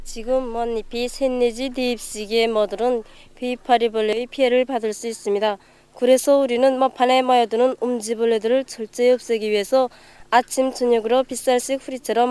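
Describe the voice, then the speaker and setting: A woman farm worker with a North Korean accent gives a prepared explanation. Her voice is strikingly clear and fairly high, with a dry sound. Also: darkish tone, dry recording. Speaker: farm worker being interviewed.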